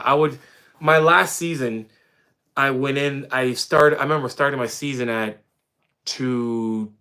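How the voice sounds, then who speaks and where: A man's voice: medium pitch, fairly bright tone. A man in his thirties from Canada, casually answering viewer questions on a live stream in a loose, friendly way with lots of fillers and restarts. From Windsor, Ontario, Canada. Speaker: fitness streamer answering chat.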